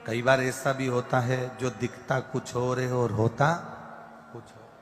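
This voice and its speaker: A man's voice: medium pitch, flat delivery, takes it slowly. A man from Madhya Pradesh giving a live devotional sermon, preaching in repeated lists and breaking into sung refrains. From Madhya Pradesh, India. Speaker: kathavachak, religious storyteller. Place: large outdoor katha gathering with sound system. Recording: long hall reverb, faint music.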